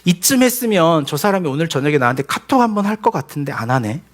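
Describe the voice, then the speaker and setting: A man's voice: fairly high pitch, very animated, fast. A male pastor giving a sermon in a conversational, humorous way, acting out little quoted voices as he goes.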